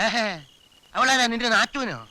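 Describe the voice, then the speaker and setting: A grumpy older head of the family who scolds everyone around him. His voice sits very high and sounds very bright and piercing. Every line comes out gruff and scornful, dripping with sarcasm. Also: normal speed, exaggerated voice, low-quality recording. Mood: scolding. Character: stern, scolding older father of a big family. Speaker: family patriarch. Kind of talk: film comedy acting.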